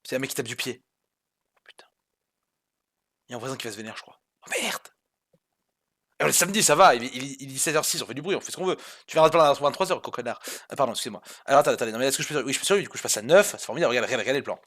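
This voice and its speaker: A man streaming a card game, talking straight to his viewers with sarcastic swearing asides, jumping from loud outbursts to low mutters. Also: animated, racing. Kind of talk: live-stream game commentary.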